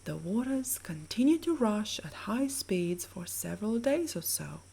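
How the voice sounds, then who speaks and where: Slow and soothing, a woman guides the listener through a sleep meditation in a soft, breathy voice with a dark, mellow quality. Lively shifts in pitch run through her calm, measured directions.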